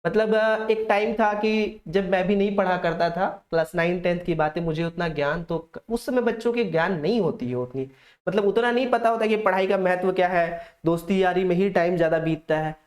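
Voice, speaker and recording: A man's voice: sits high, a little fast. Hindi-speaking young male teacher quizzing students. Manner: asks questions aloud and answers them himself; coaxing, talks straight to the students. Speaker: accounts teacher. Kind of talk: classroom lecture.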